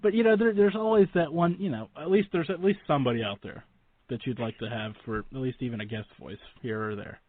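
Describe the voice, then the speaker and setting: A talk show host with a medium-pitched voice talks fast, recorded dry with no room sound and a narrow, phone-like quality. Running a casual interview, he's chatty and often repeats or interrupts himself.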